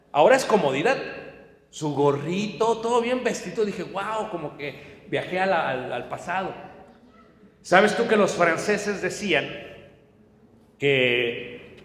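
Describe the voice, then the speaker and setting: A man's voice: high voice, roomy sound, long reverb tail. A man preaching a sermon to his congregation, telling personal stories and speaking to them directly. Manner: storytelling, addresses congregation directly. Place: church hall.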